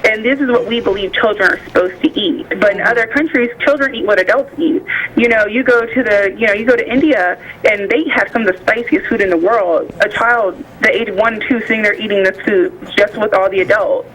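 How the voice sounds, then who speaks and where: Over a phone call, a nutritionist guest from the United States explains things casually, using imagined quotes as illustrations. Her mid-range voice moves briskly and sounds bright on the line, with slight background noise.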